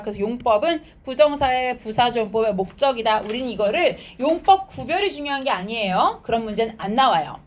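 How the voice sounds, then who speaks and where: A woman teaches high school English through a lively walk-through of a textbook passage, mixing Korean commentary with English phrases read aloud. She asks her students questions and answers them herself.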